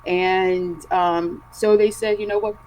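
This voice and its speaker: A woman speaks as a guest over a video call, her voice sitting a little low. She tells her story haltingly, full of fillers, restarts and emotion. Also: steady tone, darkish tone, a little hiss or hum, low-quality recording. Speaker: interview guest. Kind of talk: personal account in an online interview.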